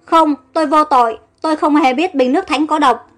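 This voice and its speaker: A woman's voice: high voice, a little fast, a bit bright, faint music behind. A woman voicing a frightened young court lady who pleads in a panicked way. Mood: pleading.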